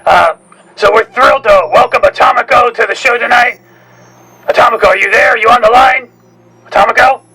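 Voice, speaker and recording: A man chatting casually on a podcast in a hesitant, halting way with many pauses. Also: extremely high pitch, gravelly, sharp tone, husky, poor audio. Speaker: podcast co-host and caller. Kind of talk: casual chat. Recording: faint background noise.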